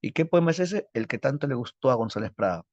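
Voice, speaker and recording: A male literature teacher lectures like a storyteller, acting out scenes and firing rhetorical questions. His voice is gravelly and husky with a slightly high pitch. The recording is dry and dull, lo-fi. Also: lively intonation, quick pace, darkish tone, no echo.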